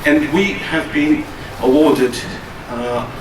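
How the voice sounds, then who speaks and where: A man's voice: on the high side, fairly even intonation. Portuguese-native man presenting in an echoey hall. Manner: measured, with frequent hesitations. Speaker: conference presenter. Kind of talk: formal conference presentation. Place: conference hall. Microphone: distant from the recorder. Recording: roomy, distant hall recording with noise.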